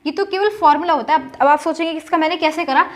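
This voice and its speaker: Racing along in a high voice, a woman math teacher patiently explains a solution one step at a time. She keeps checking whether her students are keeping up.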